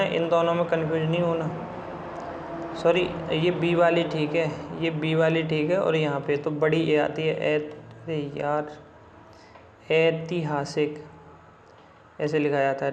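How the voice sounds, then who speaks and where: A man tutors students through spelling questions from a book, saying each word again and again between quick informal asides. His voice sits a little high and barely moves in pitch. The room rings with echo, and a faint noise hums underneath. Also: darkish tone. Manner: repeats words over and over, informal asides. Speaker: Hindi exam tutor.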